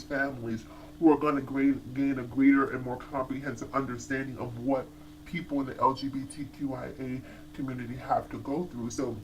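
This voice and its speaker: A man reviews a TV episode in casual commentary. He is animated and chatty and often circles back to restart a thought. His voice sits at a middle pitch. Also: slight background noise, rough recording. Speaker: TV show reviewer.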